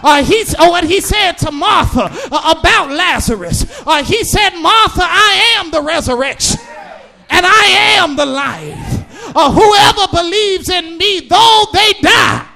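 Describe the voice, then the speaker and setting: A man preaching with a strikingly high, gravelly voice that rings forceful and tense. He delivers in a slow, drawn-out sermon cadence, shouting and half-singing his lines and driving each point home through repetition. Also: animated.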